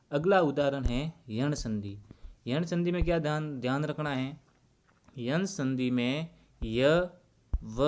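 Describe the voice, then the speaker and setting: A man teaching Hindi grammar to students. He explains slowly and deliberately and repeats the key points. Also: medium pitch.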